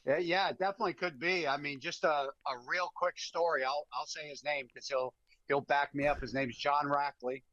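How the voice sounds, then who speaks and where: A man guesting on a podcast, telling stories casually in an animated, emphatic way, often repeating words. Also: a little high, normal speed, highs cut off. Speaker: guest, bear hunting guide. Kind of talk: casual storytelling.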